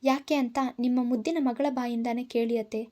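A woman voicing an angry young man who shouts and gives orders, in a storybook reading. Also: on the high side, fairly even intonation, normal speed, close to an everyday voice. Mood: furious. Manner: shouting, commanding. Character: furious young man confronting his obsessive cousin.

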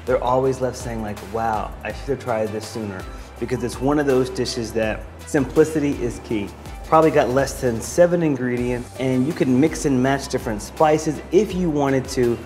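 Man, 30s, friendly home-cooking host, mid pitch, light background music. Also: a little mellow. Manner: enthusiastic, encouraging, addresses viewers as guys. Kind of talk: upbeat cooking demonstration. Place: bright loft kitchen with brick wall, indoors.

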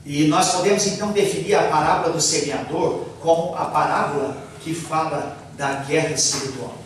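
A man interpreting a sermon phrase by phrase, with halting restarts and fillers, on a handheld mic in a church hall. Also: a little high, slight background noise. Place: large church hall, indoors. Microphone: handheld mic, filmed by far camera. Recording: echoey hall from far off.

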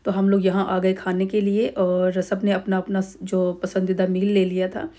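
This vlogger is a middle-aged Pakistani woman narrating her family's holiday over video clips. At a medium pitch, she chats in a relaxed, rambling way, pausing frequently and using fillers throughout.

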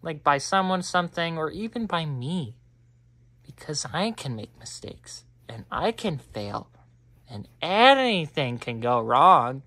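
A woman delivering a rambling comedic monologue. She keeps interrupting herself and swings between muttering and loud outbursts. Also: deep voice, very animated, slow.

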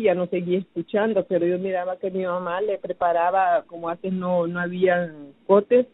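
A woman giving a personal testimony, recounting her past slowly and hesitantly, with many fillers and restarts. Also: lowish voice, no room sound. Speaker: testimony giver. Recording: phone-like, dry narrow sound.

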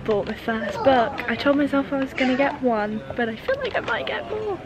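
A young woman vlogging as she browses shops, chatty, often dropping to a hushed whisper. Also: high-pitched, very animated, normal speed. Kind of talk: casual travel vlog. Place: shops in a small town, indoors and out. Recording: noisy handheld vlog audio.

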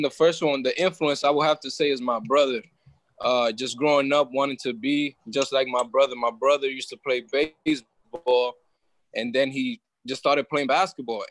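A young man from New York, a pro basketball player, answering on a video call from his phone outdoors, steady and plain-spoken. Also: medium pitch, dry recording, poor audio. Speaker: professional basketball player, panel guest. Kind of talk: casual video call interview.

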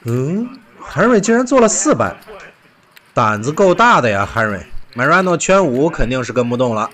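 Speaking at a normal speed, a man provides lively voice-over commentary on recorded poker highlights, peppering it with exclamations and rhetorical questions.

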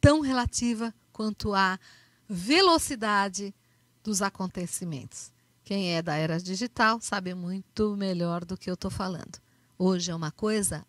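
A woman with a Brazilian accent gives an animated motivational talk, acting out little dialogues as she tells her stories. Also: mid-range voice, no room sound. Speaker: speaker.

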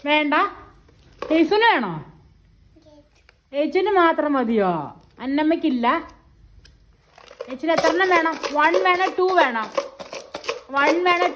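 A woman's voice: high voice, background noise. A mother at home talking to her toddler in coaxing, teasing baby talk full of repeated questions.

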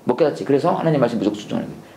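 A middle-aged man lectures a Bible and English class in a medium-pitched voice that is expressive, gravelly, dark, and breathy-edged, talking rapid-fire. He is emphatic and preachy, drilling phrases and leading the students in call-and-response.

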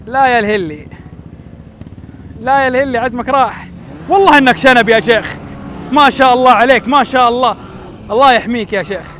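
Gulf Arabic man cheering and teasing drivers outdoors, very high voice, rapid delivery. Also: a bit bright, slight background noise. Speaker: channel host filming from the crowd. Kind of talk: excited live commentary on off-road driving. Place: outdoors at sand dunes.

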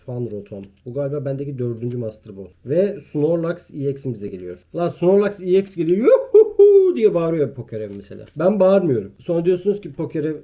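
A man's voice: medium pitch, dark tone. A young man casually talking through a card pack opening, rattling off card names and muttering and joking to himself. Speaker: YouTuber opening trading card packs.

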